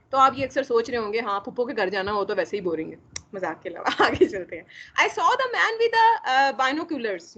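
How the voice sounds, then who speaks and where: A woman teaching a casual lecture, often filling pauses with a repeated tag phrase and mixing in English terms. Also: sits high, fairly bright tone. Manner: frequent filler "jo hai na", mixing English terms. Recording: muffled lo-fi voice recording.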